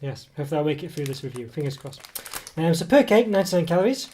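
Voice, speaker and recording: With a cold that makes his voice come and go, a food reviewer casually reviews a snack at an indoor table. He speaks at a quick pace in a slightly high, warm voice with lively intonation, rambling hesitantly through fillers and self-corrections. A table camera mic records it with a little hiss or hum.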